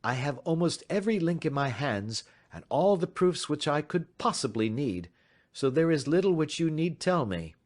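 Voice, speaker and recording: Sherlock Holmes, as a man reads him, crisp and lively. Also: on the high side, voice pushed up. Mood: confident. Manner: crisp, measured, gently ironic. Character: sharp, self-assured gentleman detective, adult male. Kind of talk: audiobook reading.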